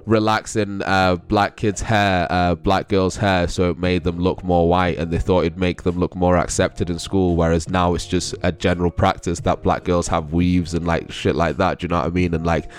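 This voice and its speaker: A man's voice: sits low, flat delivery, moderate pace, hardly any pauses. A young man with a London accent chatting casually as a vlogger, rambling and slangy. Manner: rambling, slangy, often breaks into chuckles. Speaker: vlogger giving commentary. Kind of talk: casual chat.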